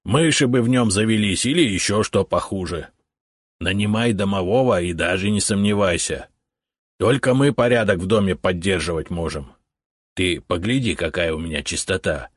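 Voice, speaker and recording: A self-important male house spirit from an audiobook, as a male narrator puts him on, lifting his husky voice up high with lots of swing. He lectures bossily and grumbles with little "eh" fillers. The sound is dry and close. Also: no echo. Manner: bossy, know-it-all, grumbling with 'eh' fillers. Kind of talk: audiobook character voice.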